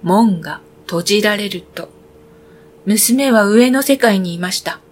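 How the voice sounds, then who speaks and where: Woman storyteller, children's fairy-tale reading, clear and expressive, mid-pitched. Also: unhurried.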